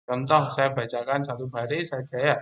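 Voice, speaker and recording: A man teaching a primary school class online, explaining slowly and patiently, often pausing on "ya" and "terus". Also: medium pitch, fairly even intonation, a bit bright.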